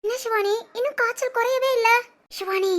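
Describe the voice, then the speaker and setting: A woman voicing a caring young woman who gently coaxes a sick friend in an animated story. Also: very high voice, brisk, voice pushed up. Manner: gentle, coaxing.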